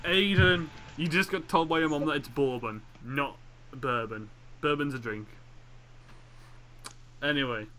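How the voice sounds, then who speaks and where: Young man, podcast host, brash, teasing, swears a lot, bright tone, slightly high pitch. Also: fairly even intonation, moderate pace, long pauses, a little hiss or hum. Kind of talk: casual chat.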